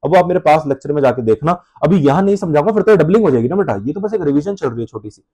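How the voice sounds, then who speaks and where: A male accounts teacher delivers a conversational Hindi classroom lecture in a warm, expressive voice that sits on the high side, talking at a rapid-fire pace. He calls students "beta", voices their answers himself, and keeps correcting himself and repeating key terms.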